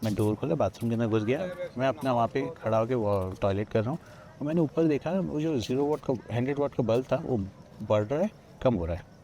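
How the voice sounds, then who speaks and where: A man's voice: mid-range voice, brisk, mellow. Man from Odisha telling a ghost story. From Odisha, India. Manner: narrates with many quoted lines of dialogue, frequent restarts. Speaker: podcast guest. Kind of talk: retelling a personal ghost story. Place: outdoors at a riverside ghat.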